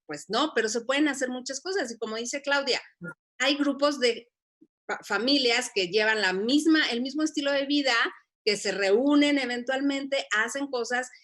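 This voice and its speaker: A woman's voice: sits high, moderate pace, fairly bright tone. Earnest woman co-host. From Mexico. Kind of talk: conversational interview.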